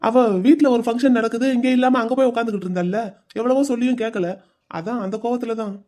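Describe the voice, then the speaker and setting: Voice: medium pitch, steady tone, quick pace, dark tone, close to an everyday voice. A voice actor playing a curt, protective young husband in a cartoon story, speaking firmly. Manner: firm, curt.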